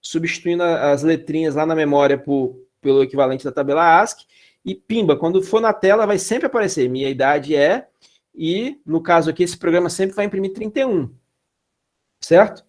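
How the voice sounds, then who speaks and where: A man with a slightly high voice teaching a classroom lesson on algorithms. He keeps it casual and relaxed, pauses often to check whether the students are following, and drops in slangy asides. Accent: Brazilian Portuguese. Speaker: instructor. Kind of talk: classroom lecture.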